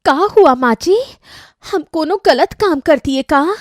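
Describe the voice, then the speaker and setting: A woman plays a simple young village bride who talks back innocently, with a Bihari accent. Her voice is high and sing-song, and her lines come slowly, recorded close and dry. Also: animated, no echo. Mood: worried. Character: naive, cheeky young village daughter-in-law. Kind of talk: cartoon voice acting.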